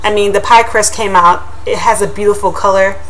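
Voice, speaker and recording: A woman's voice: medium pitch, steady tone, a little fast, fairly bright tone, poor audio. A young woman in her home kitchen, chatting upbeat to a webcam about a pie crust shield. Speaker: vlogger. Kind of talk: casual product review vlog. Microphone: built-in webcam mic, close to the camera.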